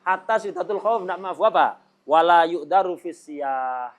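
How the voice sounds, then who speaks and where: Male religious teacher, middle-aged, slightly high voice, playful and laughing between points. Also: a little slow. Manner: jokey, laughs often, mimics chatter. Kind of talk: Islamic law lesson.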